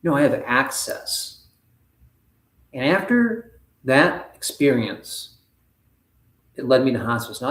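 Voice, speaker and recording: A man hosting a live spiritual talk, speaking in an earnest, halting, rambling way. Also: mid-range voice, echoey room. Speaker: spiritual livestream host.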